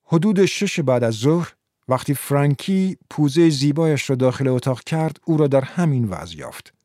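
Man narrating with a mellow voice. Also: on the high side, lively intonation, no echo, studio quality. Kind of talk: scripted audiobook narration.

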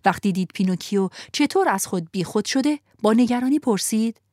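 A woman narrating a storybook in an expressive, animated way. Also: fairly high pitch, dry recording, clean studio sound.

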